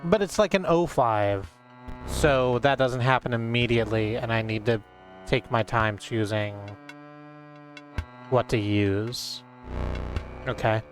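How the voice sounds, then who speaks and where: A man's voice: mid-range voice, slow pace, pauses often. Man rambling through game commentary. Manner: rambling, thinking aloud. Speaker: game streamer. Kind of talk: casual game playthrough commentary. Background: music.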